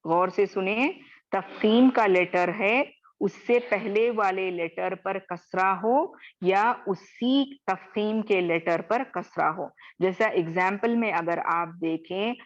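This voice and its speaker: A woman teaching Quran recitation in an online class, drawing out example words and often checking in with her students. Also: medium pitch. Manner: slow, repeats example words drawn out; often checks in with "theek hai?". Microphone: video call. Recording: dull lo-fi video call audio.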